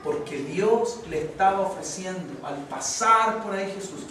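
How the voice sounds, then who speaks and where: A man's voice: high-pitched, unhurried, bright, forceful tone. A male pastor preaching a sermon and asking the congregation rhetorical questions. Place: church hall. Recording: echoey church, distant mic, noisy.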